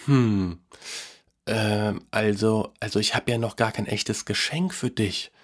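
A man voicing an excited little boy in a storybook reading, with an eager, bright way of talking. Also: mid-range voice, moderate pace, pitched above the performer's own voice, close to an everyday voice. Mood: hesitant, quiet.

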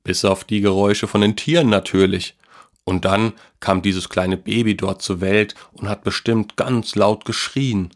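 A man voicing a kind, warm older grandfather in a storybook, who explains things gently and slowly. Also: on the low side, steady tone, close to an everyday voice. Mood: gentle.

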